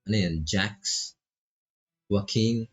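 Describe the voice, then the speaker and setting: Slowly and in a fairly low voice, a man with a Filipino accent reads visual novel dialogue aloud while streaming, mixing in lighthearted comments. The audio is dull, and music plays in the background.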